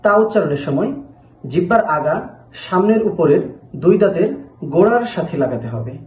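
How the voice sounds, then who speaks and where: Man, teacher, patient sound demonstrations, high-pitched, roomy echo. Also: expressive, moderate pace, darkish tone. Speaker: Arabic letter teacher. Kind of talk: slow pronunciation lesson.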